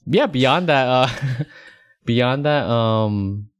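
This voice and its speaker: A man's voice: mid-range voice, lively intonation, very slow, clear, resonant tone, dry recording, clean studio sound. A man co-hosting a casual chat podcast, talking in an easygoing way with lots of fillers. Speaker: podcast co-host.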